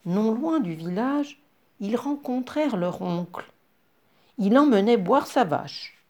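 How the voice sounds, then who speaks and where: A woman's voice: fairly high pitch, slow pace. A woman narrating a children's story, asking her listeners questions along the way. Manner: lively, asks listeners questions.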